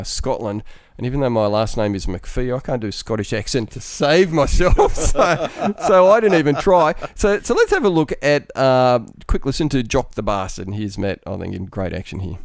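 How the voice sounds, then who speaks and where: Chatty podcast host, dry sound. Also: male voice, medium pitch, lively intonation, moderate pace, hardly any pauses, no echo. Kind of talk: casual chat.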